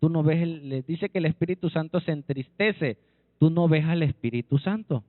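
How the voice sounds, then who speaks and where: Male pastor, Mexican accent, emphatic sermon, fairly high voice, dry narrow phone-like recording. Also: moderate pace, dry recording. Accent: Mexican Spanish. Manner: emphatic preaching, often checks in with the congregation.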